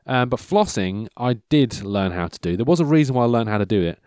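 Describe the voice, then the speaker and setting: Big pitch swings mark this medium-pitched voice, which is brisk, a little mellow, and clean, with no room sound. A man in his thirties rambles casually, self-interrupting and losing his train of thought, with a dry, self-mocking humour.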